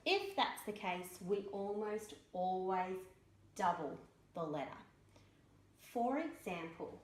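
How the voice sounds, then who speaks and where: A woman teacher explaining a spelling rule, sounding words out letter by letter in a slow, deliberate way. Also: on the low side. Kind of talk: instructional explanation. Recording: echoey room.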